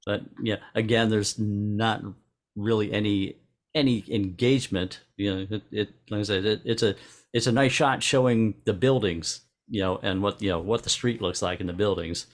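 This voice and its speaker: A man presenting club entries and giving halting photo critiques with many restarts. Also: on the low side, steady tone.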